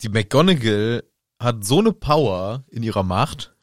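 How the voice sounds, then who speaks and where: A man's voice: medium pitch, big pitch swings, a little slow, no echo, clean studio sound. A young man co-hosting a casual podcast chat in a playful, goofy way. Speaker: podcast co-host.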